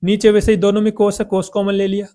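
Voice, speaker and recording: A man's voice: high voice, completely flat delivery, a little fast, warm tone. A man teaching a math lesson, asking questions and answering them himself.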